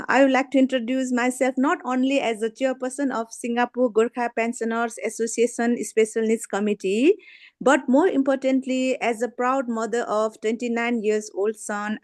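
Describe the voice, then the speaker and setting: A middle-aged woman with a Nepali accent speaks a little high, reading a prepared talk at a measured pace with frequent "uh" pauses. Her voice comes over a video call and sounds close and dry. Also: no room sound. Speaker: guest speaker, parent. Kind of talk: prepared talk read aloud.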